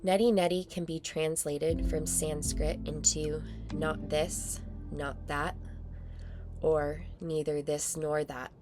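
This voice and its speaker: A woman guides a meditation in a low voice, speaking slowly, calmly and soothingly, with measured delivery and long pauses. Meditation music plays in the background of her narration.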